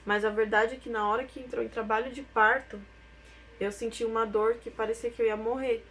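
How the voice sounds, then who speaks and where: A woman's voice: a little high, steady tone, brisk, fairly bright tone, a little hiss or hum. Emotional young woman. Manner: emotional, tearful at times. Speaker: mother telling her story. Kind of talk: personal testimony.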